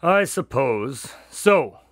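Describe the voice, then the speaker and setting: A man's voice: medium pitch, sing-song, drawn-out words, fairly bright tone, dry recording, exaggerated voice. A man playing a long-suffering doctor, a detective's loyal sidekick in a radio drama, grudging and dryly humorous. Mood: grudging, weary. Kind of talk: scripted radio drama acting and narration.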